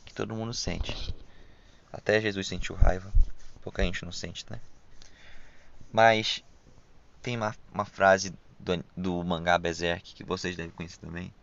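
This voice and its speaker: Speaking low with little pitch movement, a young Brazilian-accented podcast host goes a little slowly, creaky and fairly bright, pausing often. Alone on his casual show, he rambles reflectively with lots of slang and fillers, turning hissing s sounds into sh, in a dull, dry lo-fi recording.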